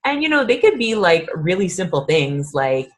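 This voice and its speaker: A woman's voice: fairly low pitch, very animated, moderate pace. A woman in her thirties, a fitness coach, leading a casual, upbeat workshop talk with lots of fillers. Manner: chatty, upbeat, filler-heavy.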